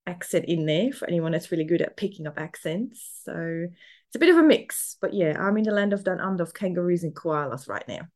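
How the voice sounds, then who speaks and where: Swiss german accent lady in her 40s, cheerful podcast guest, lowish voice. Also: lively intonation, fairly quick, darkish tone. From Switzerland. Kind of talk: podcast interview.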